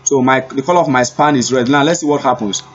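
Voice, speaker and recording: A man giving a screen-recorded web development lesson, unhurried and repetitive, thinking aloud as he types. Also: mid-range voice, highs cut off, slight background noise. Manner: unhurried, repeats himself, thinks aloud while typing. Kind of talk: screen-recorded coding tutorial.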